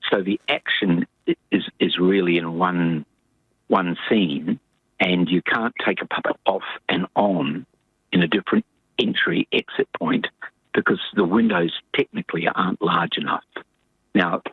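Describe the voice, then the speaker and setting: An older man from New Zealand speaks over a tinny, dry phone line from his home abroad. His voice sits low and a little husky, but he tells his story with lots of swing in pitch, wandering from point to point. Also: unhurried, dry recording. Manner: animated, rambling storyteller. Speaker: puppet maker guest. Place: home in rural Queensland, Australia, on a phone line.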